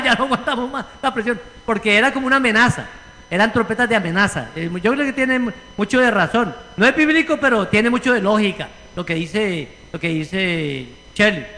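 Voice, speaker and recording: A man with a Puerto Rican accent preaching in a church, animated, acting out voices as he leads a congregation discussion. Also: high-pitched, a little fast. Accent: Puerto Rican Spanish. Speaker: pastor. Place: church sanctuary. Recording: church hall reverb.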